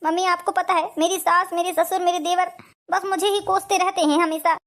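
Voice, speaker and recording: A woman's voice: extremely high pitch, little pitch movement, fairly quick, a bit bright. A woman playing a grieving young widow in a cartoon family drama, pleading and sorrowful. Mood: bitter.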